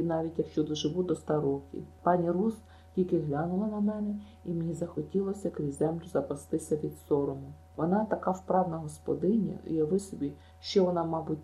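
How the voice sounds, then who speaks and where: A woman's voice: fairly low pitch, warm tone, roomy sound, lightly acted, poor audio. A woman reading an audiobook, voicing a chatty, imaginative girl who tells her misadventures in a gushing rush. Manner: breathless, gushing storytelling.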